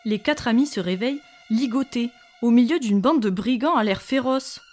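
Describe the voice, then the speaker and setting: A woman reading a children's story aloud in a lively, expressive way. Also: a little high, normal speed, faint music behind.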